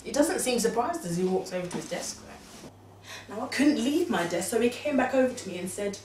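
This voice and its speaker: An actress playing a young married, pregnant woman, animatedly recounting events to her mother, at times exclaiming and at times hushed. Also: a little high, expressive, normal speed, natural voice. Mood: worried. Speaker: daughter confiding in her mother. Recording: distant, roomy sound with faint background noise.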